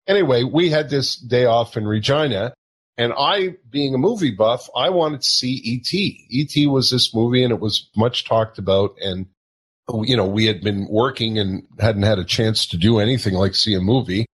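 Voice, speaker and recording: As a guest, a middle-aged man tells a self-mocking story about touring, laughing often as he goes. His voice is medium-pitched with a breathy edge, and his pace is moderate.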